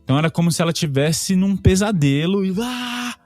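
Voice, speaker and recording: A man's voice: high voice, lively intonation, fairly quick, a little mellow, no echo, soft background music. A man with a Brazilian Portuguese accent, a pastor co-hosting a podcast, telling a heartfelt personal story in casual chat with many restarts.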